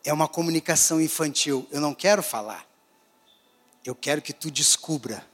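A high-pitched man preaches to a gathering, his voice ringing with a long hall echo. He swings dramatically between raised, emphatic lines and hushed, drawn-back ones. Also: normal speed. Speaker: pastor. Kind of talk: sermon.

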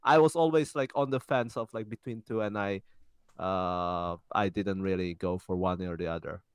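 A man's voice: low-pitched, moderate pace, clear, resonant tone, no room sound. A young man from the Czech Republic hosting a podcast, talking casually and thoughtfully, with frequent halts and restarts. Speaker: podcast host. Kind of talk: casual conversation.

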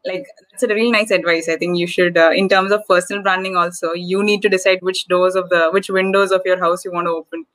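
A woman's voice: on the low side, pushed and bright, dry recording, rough recording. A woman chatting casually as an interviewer, hesitantly feeling her way through her phrasing.

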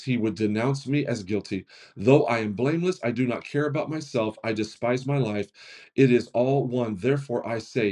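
A man's voice: medium pitch, warm tone. A man, a pastor, reading scripture aloud with earnest delivery, often stumbling and correcting himself.

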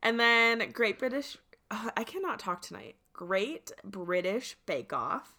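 Young woman, bright voice, emphatic, casual podcast chat. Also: mid-range voice, expressive, slow. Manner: gushing, emphatic, swears casually. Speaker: podcast co-host. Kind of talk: casual chat about reality TV.

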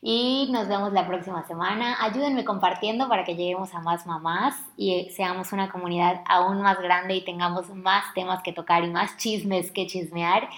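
A woman's voice: lowish voice, fairly even intonation, normal speed, hardly any pauses, a bit bright, reverberant. A woman hosting a podcast, telling stories in a chatty, confiding way full of slang. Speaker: podcast host, mother. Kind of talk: casual podcast monologue.

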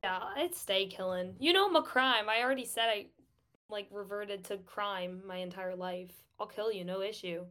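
Bright-voiced eager woman player. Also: mid-range voice, normal speed.

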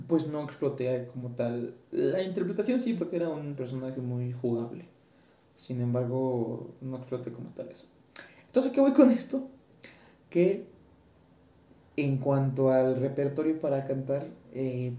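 A man's voice: mid-range voice, mellow. A young man with a Mexican accent, chatting hesitantly on his own podcast as a singing student, with lots of fillers. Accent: Mexican Spanish. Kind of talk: casual solo podcast talk. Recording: echoey room with faint background noise.

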